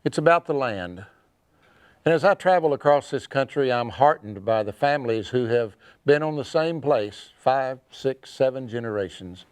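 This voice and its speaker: A man reciting cowboy poetry as earnest, measured storytelling, with dramatic phrasing and pauses. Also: medium pitch, expressive, clean tone, no room sound. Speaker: cowboy poet. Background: soft acoustic guitar music.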